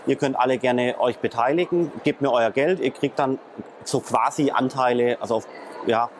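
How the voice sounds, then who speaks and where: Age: adult. Sex: man. Pitch: mid. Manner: hesitant, filler-heavy explainer. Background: faint traffic. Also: normal speed. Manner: hesitant, many filler sounds and restarts. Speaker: interview guest, blockchain expert. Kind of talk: explanatory interview talk. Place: in Frankfurt, near traffic.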